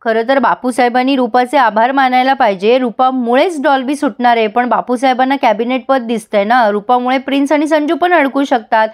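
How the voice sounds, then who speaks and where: A high-voiced woman retells a TV serial episode, storytelling and turning to speak to her viewers directly. She narrates in a chatty recap style. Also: brisk, few pauses.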